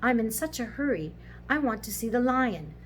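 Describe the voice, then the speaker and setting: A woman's voice: a little high, expressive, normal speed, slight background noise, pitched above the performer's own voice, natural voice, poor audio. Woman playing an anxious, pleading young boy.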